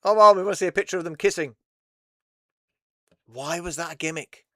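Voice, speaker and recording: A man's voice: sits high, brisk, bright, forceful tone, no echo, studio quality. A man hosting a casual chat, rambling and laughing often between thoughts. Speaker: host.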